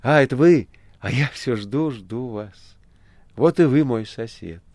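A man voicing a young male hospital patient in an audiobook, soft and wistful by turns. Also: low voice, lively intonation, a little slow, dry recording. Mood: joyful. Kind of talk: audiobook character voice.

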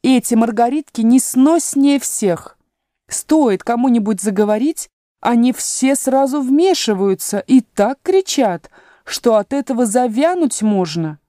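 A woman's voice: on the high side, lively intonation, a little slow, dark tone, no echo, clean studio sound, voice pushed up. A woman voicing a haughty, hot-tempered talking flower in a storybook reading, imperious and scolding.

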